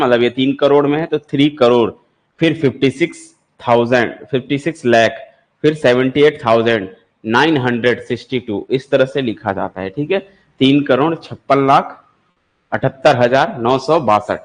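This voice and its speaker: A male maths teacher walks through number systems at a steady, middle pitch. He keeps quizzing his students and answers each question himself. His delivery is a plain, patient classroom lecture. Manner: explains step by step, quizzing students with repeated questions. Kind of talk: classroom lecture for exam prep.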